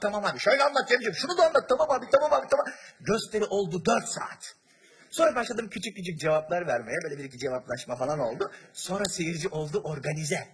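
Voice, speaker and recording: A man from Turkey performing stand-up comedy on a large theater stage, telling stories with acted-out voices and chatting with the audience. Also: a little high. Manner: animated storyteller, acts out voices, chats with the audience. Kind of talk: stand-up comedy with crowd work.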